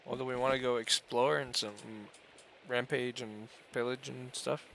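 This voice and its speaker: A man chatting casually while playing a co-op game, laid-back and jokey, now and then yelping loudly. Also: medium pitch, little pitch movement, moderate pace, vocal fry, slight background noise. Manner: laid-back, jokey, swings into loud yelps. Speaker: gamer playing co-op. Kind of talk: casual gaming chat.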